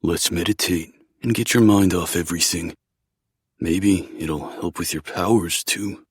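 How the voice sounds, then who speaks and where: Valen, a man voicing a husky, deep-voiced angelic warrior. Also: unhurried, dry recording, clean studio sound. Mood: calm, caring. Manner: flat monotone delivery. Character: calm immortal angelic male warrior, literal-minded. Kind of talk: audiobook dialogue.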